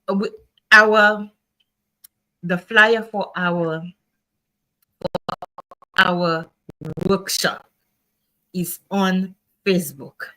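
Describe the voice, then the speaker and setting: Slow, bright-voiced woman host. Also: medium pitch, fairly even intonation, a little hiss or hum, poor audio. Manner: slow, urging and insistent. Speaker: host, workshop organizer. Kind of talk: roundtable discussion.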